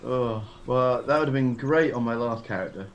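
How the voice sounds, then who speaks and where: A man's voice: mid-range voice, normal speed, lo-fi sound, noisy background. A man playing a tabletop game, chatting casually and jokingly as his character. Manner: casual, jokey, slips into character. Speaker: player. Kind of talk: tabletop game role-play.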